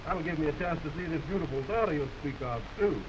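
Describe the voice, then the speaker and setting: An actor playing a friendly, curious male homesteader in an early talkie film, with a slow, stagey delivery. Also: fairly high pitch, expressive. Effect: early talkie film soundtrack. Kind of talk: 1930s film acting. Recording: hissy, dull 1930s film soundtrack.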